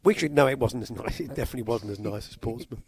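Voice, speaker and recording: Indoors on a trip abroad, a man co-hosting a podcast keeps the talk casual and drily humorous. His medium-pitched voice moves fast, with a crowd audible in the background.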